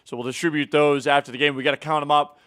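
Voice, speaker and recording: A man's voice: fairly high pitch, flat delivery, quick pace, a bit bright. A man hosting a casual hockey news segment, upbeat and teasing his co-host, with plenty of filler words. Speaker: show host. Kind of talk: casual sports news chat.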